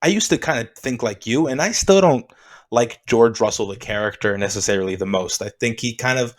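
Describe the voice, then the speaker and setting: A man co-hosts a casual sports podcast in a mid-range voice. He argues his points with animated conviction and calls his friend "dude." The talk is loose and conversational. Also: medium pitch, brisk, low-quality recording. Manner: opinionated, animated, says "dude". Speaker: podcast co-host.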